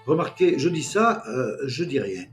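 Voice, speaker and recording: Brief: man playing a pompous, addled ex-notable, halting speech, storybook reading. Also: a little high, big pitch swings, faint music behind, voice pushed up. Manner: pompous, hesitant rambling.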